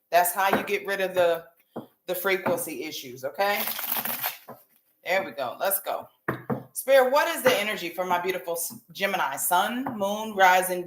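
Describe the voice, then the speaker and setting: An American woman giving a casual psychic hotline style tarot reading on a livestream, informal and slangy, speaking straight to her viewers. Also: medium pitch. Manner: informal, familiar, addressing viewers directly with slang. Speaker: tarot reader hosting a live stream. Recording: roomy echo with light background noise.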